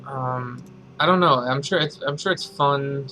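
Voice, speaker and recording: A man's voice: mid-range voice, a little slow, sharp tone, slight background noise, low-quality recording. A man casually commenting while playing a game, rambling and hesitant. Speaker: game streamer. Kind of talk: casual let's-play commentary.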